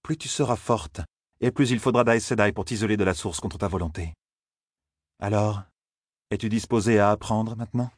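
A man's voice: fairly low pitch, moderate pace, no room sound, lightly acted. A powerful older sorceress ruler speaks with cool, mocking condescension, as a man voices her. The sound is close and dry, in the style of a dramatized audiobook. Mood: stern. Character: stern, powerful older woman leader of a sorcerous order.

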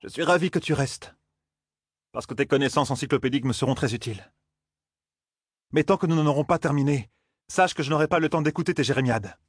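A man's voice: sits high, a little fast, fairly bright tone, dry recording, studio quality, pitched above the performer's own voice. A man voicing a cold, commanding sorceress who speaks with icy authority.

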